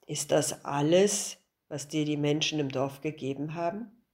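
A woman voicing a wise, gentle old male master who speaks in a calm, measured way in a storybook tale. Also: deep voice, voice pushed down. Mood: astonished.

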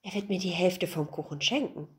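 A woman's voice: lowish voice, fairly quick, close to an everyday voice. A woman voicing a greedy, hungry young boy who eagerly talks himself into things in a storybook tale. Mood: scheming. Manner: eager, self-justifying.

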